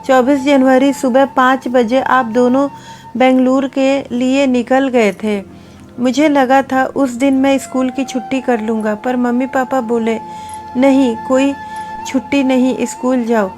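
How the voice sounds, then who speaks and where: A woman's voice: sits high, steady tone, a little slow, darkish tone, soft background music. Woman reading as a pleading tearful schoolboy. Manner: pleading, sobbing delivery. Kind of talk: storybook reading.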